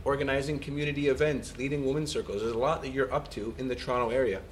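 A man hosts an interview and asks his guest friendly questions. He rambles a little and restarts his phrasing. His voice sits at a middle pitch. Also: fairly even intonation, rapid-fire, slight background noise. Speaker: podcast host.

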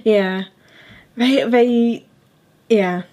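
Hosting a podcast, this young adult woman speaks with a fairly high, darkish voice and draws out her words. Her chat is casual, full of fillers and frequent laughter.

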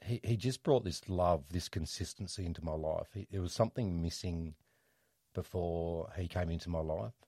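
Deep-voiced man telling a personal story. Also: warm tone, breathy edge, dry recording, clean studio sound. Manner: reflective, halting, with frequent restarts. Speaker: interview guest.

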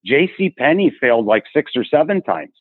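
A man's voice: mid-range voice, sing-song, brisk, slightly rough, dry recording. A man speaking as a podcast guest in an encouraging, preacher-like way. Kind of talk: podcast conversation. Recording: tinny phone-line audio.

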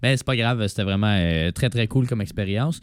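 Hoarse, raspy low-voiced Quebec man. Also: fairly quick, dry recording, clean studio sound. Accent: Quebec French. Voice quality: raspy smoker's voice. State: hoarse from lingering laryngitis. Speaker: radio show co-host. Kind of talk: casual chat about cinema.

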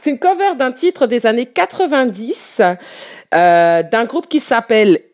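A woman's voice: fairly high pitch, animated, unhurried, darkish tone. A woman presenting a music column on the radio in casual chat, hesitant with many fillers and restarts, often laughing as she talks. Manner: laughs easily while talking. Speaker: radio columnist presenting new German rock.

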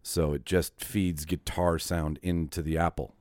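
Low-voiced, slightly hungover male podcast host. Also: little pitch movement, darkish tone, no echo. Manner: halting, rambling, jokey. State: a little hungover. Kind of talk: casual chat.

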